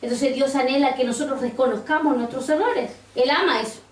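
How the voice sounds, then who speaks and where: A woman pastor with a high voice preaches briskly in church, quoting scripture and asking the congregation questions. The church acoustics are roomy, and she's heard from a distance.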